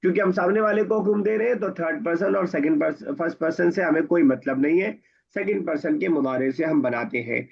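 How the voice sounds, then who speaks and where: A man's voice: a little high, a little fast, gravelly, husky. A man teaching an Arabic grammar class, patiently explaining and quizzing his students. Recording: dull lo-fi recording.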